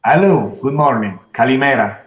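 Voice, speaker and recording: A middle-aged man with an Italian accent answers interview questions as a teacher, in halting, simple non-native phrasing. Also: mid-range voice, lively intonation. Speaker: geology teacher being interviewed. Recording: echoey room.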